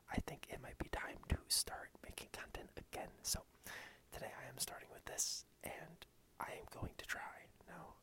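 An ASMR creator giving a casual whispered channel update into a dedicated microphone. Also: rough recording. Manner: soft unvoiced whisper throughout.

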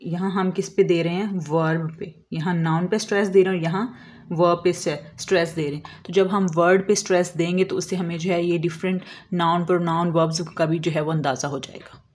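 A woman explaining a lesson as an English teacher, slowly drawing out example words and answering her own questions. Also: lowish voice, fairly even intonation, a little mellow. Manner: asks questions and answers them herself.

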